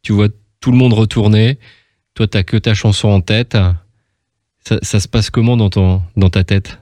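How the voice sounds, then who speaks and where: Male interview host, lowish voice, dry close sound, chatty and upbeat. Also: fairly even intonation, normal speed, a little mellow, no echo. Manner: chatty, upbeat, repeats himself. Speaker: radio host. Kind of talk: casual radio interview.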